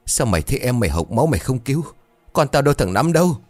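A man's voice: moderate pace, dry recording, soft background music. A man voicing a frail old village mother who cries out in terror after a nightmare, in a ghost story reading. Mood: panicked. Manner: shrill, frantic cries.

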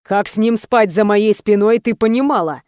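A woman reading an audiobook and voicing an angry, jealous young man who speaks in curt, gruff, scornful bursts. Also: mid-range voice, normal speed, darkish tone, dry recording, clean studio sound, lightly acted. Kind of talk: audiobook character voice.

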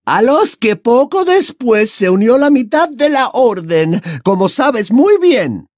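A man voicing a fanatical, quick-tempered woman in an audiobook, with a high, strained, accusing voice. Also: big pitch swings, darkish tone, dry recording, clean studio sound, heavily acted. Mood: furious. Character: shrill, scornful adult woman, fanatical and quick to anger. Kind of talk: audiobook character voice.

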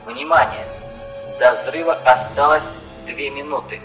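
Calm ship computer voiced by a male narrator: impassive, flat, measured countdowns, slow, through a roomy intercom with faint music under it. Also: mid-range voice, voice pushed up. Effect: echoing ship intercom. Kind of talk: audiobook narration.

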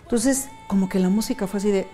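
A woman's voice: medium pitch, fast talker, faint music behind. A woman with a Mexican accent telling her personal faith testimony, acting out remembered dialogue. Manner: animated, acts out remembered dialogue. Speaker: interviewee giving testimony.

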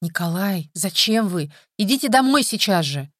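A woman's voice: mid-range voice, lively intonation, normal speed, a bit bright, no echo, clean studio sound, pitched above the performer's own voice. A woman reading an audiobook, voicing a frightened young wife who pleads and gives orders urgently. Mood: alarmed. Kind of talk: audiobook character voice.

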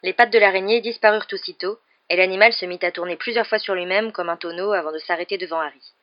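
A woman reading a novel aloud in steady, clear storytelling, on a muffled lo-fi recording. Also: mid-range voice, quick pace. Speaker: audiobook reader.

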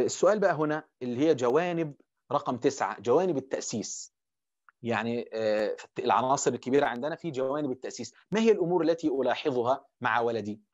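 A man's voice: mid-range voice, a little mellow. A man with an Egyptian accent giving a conversational religious lecture on parenting, posing questions and answering them himself. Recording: dull lo-fi audio.

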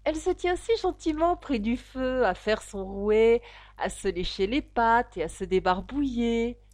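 Brief: polite, eager young girl, voiced by a woman, lively sing-song delivery, dry close mic. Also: fairly high pitch, unhurried, dry recording. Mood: gushing. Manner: earnest, breathless chatter.

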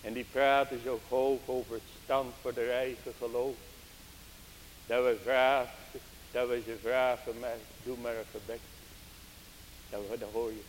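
A man preaching a sermon, slow and emphatic, drawing out his exclamations and speaking straight to the congregation. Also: mid-range voice, level tone. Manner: addresses the congregation directly. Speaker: pastor. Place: church. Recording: hissy 1980s church tape with long reverb.

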